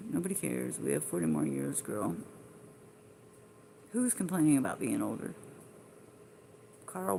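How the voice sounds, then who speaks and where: A woman's voice: low-pitched, vocal fry, darkish tone, slight background noise. A woman chatting casually on a livestream, rambling and swearing freely as she talks to her viewers and answers their comments.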